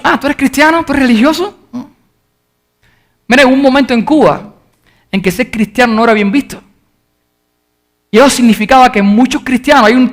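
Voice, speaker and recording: A man preaching an earnest sermon as pastor, reading scripture aloud and shouting out the crowd's cries when he retells them. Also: very high voice.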